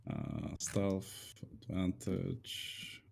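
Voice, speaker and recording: Deep-voiced man playing a tabletop game. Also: steady tone, very slow, vocal fry, a little mellow, slight background noise. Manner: hesitant, thinking aloud. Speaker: player. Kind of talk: casual tabletop play.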